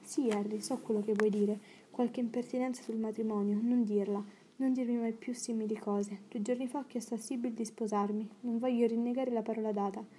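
A woman reading as an earnest, impulsive young gentleman. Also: on the high side, steady tone, a little fast, few pauses, slight background noise, lightly acted. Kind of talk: audiobook reading.

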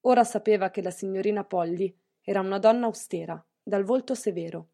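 A woman with a mid-range voice narrates an audiobook from a script, telling the story in a measured, even way.

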